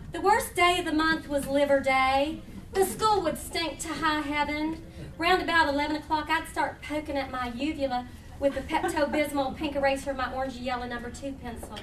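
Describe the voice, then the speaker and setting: An American woman humorist from Huntington, West Virginia reads her own writing to a live audience indoors, telling stories in a folksy, playful way with chatty asides. Her voice is high with a fairly bright tone, and the room is echoey, the mic distant, with faint noise.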